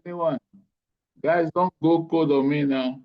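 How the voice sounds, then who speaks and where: A man with a slightly high voice and fairly even intonation tutors anaesthesia students over a video call at a measured pace. He quizzes them, teases them along encouragingly, and hands out marks, all in dull lo-fi call audio.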